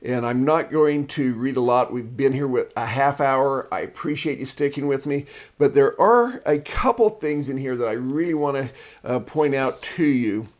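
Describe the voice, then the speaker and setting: Male host of a marketing show with a mid-pitched voice, chatty and digressive, casual solo talk with personal anecdotes. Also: normal speed.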